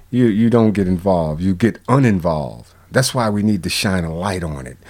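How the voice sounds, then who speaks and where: A man, a guest on a radio talk show, talking in a halting, rambling way full of fillers and restarts, with sudden bursts of animated emphasis. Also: low-pitched.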